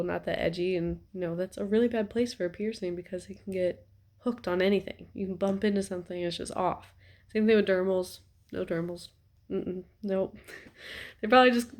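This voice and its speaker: A young woman talking casually to camera from her couch at home, chatty and rambling with lots of ums and likes, a bit stuffy-nosed. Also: on the low side. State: stuffy nose. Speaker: vlogger.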